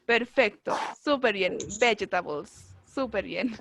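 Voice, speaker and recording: A woman teaching an online English class, encouraging and drilling words slowly with frequent checks. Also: high voice, fairly bright tone, slight background noise. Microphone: video call.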